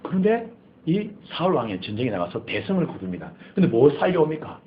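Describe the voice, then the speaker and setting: A male pastor preaching a sermon in church, animated and dramatic. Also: a little high, a little fast, phone-quality sound, slight background noise. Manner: animated preaching, acting out scripture quotes.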